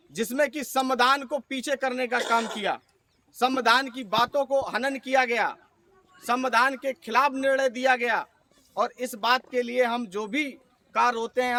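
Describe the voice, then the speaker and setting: A man's voice: very high voice, pushed and bright. A man giving an earnest public speech at an organization's meeting and telling folksy stories to the audience. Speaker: speaker at an organization's review meeting.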